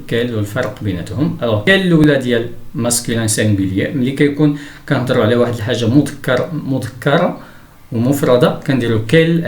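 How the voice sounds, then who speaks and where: A man with a Moroccan Arabic accent gives a grammar lesson at a middle pitch. He switches between brisk explanation and slow, careful reading of example sentences. The sound is roomy, with noticeable echo off the walls. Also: darkish tone. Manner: mixes Arabic explanation with slowly read French examples. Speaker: teacher.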